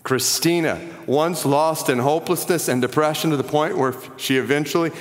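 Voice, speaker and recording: Earnest pastor preaching in a reverberant hall. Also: male voice, moderate pace. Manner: earnest, drops low and quiet at phrase ends, rises in appeals. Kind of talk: sermon. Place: church sanctuary. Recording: long reverb of a large hall.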